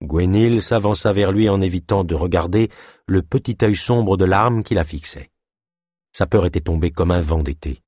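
A man narrating a novel as an audiobook in a measured, expressive manner. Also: low voice, no echo, clean studio sound. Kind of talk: audiobook reading.

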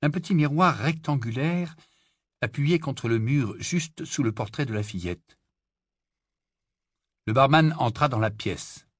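A man narrating a novel in a low-key, even reading voice. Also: a little slow, pauses often, dry recording, studio quality. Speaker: audiobook narrator. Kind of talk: scripted narration.

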